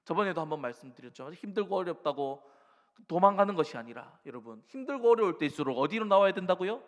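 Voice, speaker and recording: A male pastor delivers a sermon in a church sanctuary. His voice sits a little high, and a long reverb trails after his words. He urges the congregation on and acts out the doubts of struggling believers. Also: big pitch swings, quick pace. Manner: exhorting the congregation.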